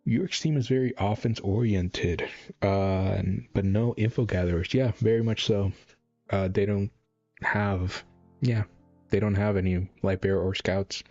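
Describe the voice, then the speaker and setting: A man's voice: lowish voice, fairly even intonation, unhurried, darkish tone, no room sound, dull audio, faint music behind. A man casually reacting live to a webcomic, reading panels aloud and rambling with lots of fillers and restarts.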